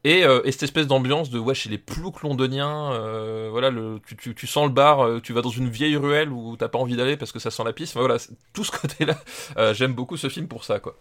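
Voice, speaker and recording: A man's voice: mid-range voice, a little fast, fairly bright tone. A man co-hosting a podcast, talking in an enthusiastic, slangy, casual way. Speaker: podcast co-host.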